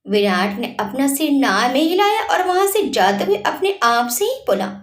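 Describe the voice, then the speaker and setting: A woman narrating a romantic story in an expressive, dramatic way. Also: high-pitched, normal speed. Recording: echoey room.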